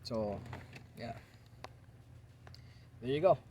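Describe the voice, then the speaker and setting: A man's voice: mid-range voice, expressive, drawn-out words, dark tone, slight background noise. A man casually narrating a car repair video from inside the car, rambling and thinking aloud with fillers as he works, recorded on a handheld phone.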